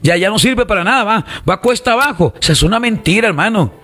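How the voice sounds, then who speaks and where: This Costa Rican man talks fast in a high, animated voice with a sharp tone while delivering an online sermon. He fervently repeats phrases and presses listeners to respond.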